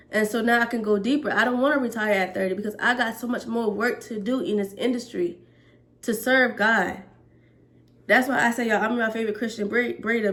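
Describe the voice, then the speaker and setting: A woman's voice: a little high, a bit bright. Earnest woman preaching to camera. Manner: earnest, preachy, speaks in repeated lists. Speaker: hair braider and vlogger. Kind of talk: casual faith-based monologue to camera.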